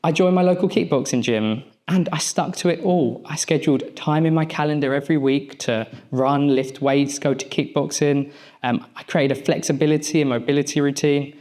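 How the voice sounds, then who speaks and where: A man's voice: fairly high pitch, fairly even intonation, normal speed, a little mellow. Young man giving a motivational speech. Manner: personal storytelling with punchy short phrases. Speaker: mindset coach. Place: event stage at a podium.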